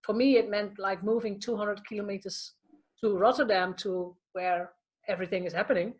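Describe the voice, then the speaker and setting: A woman from the Netherlands with a Dutch accent, a coach chatting as an interview guest, telling stories with lively restarts. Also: mid-range voice, moderate pace. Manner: lively storytelling with frequent restarts. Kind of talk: casual interview chat.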